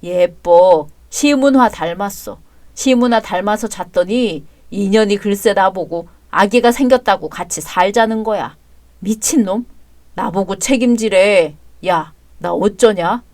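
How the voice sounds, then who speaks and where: A woman's voice: mid-range voice, a little slow, a little mellow, no room sound, lightly acted. A woman voicing a crude, drunken, boastful husband in a dramatized story reading, with a drawling, taunting delivery.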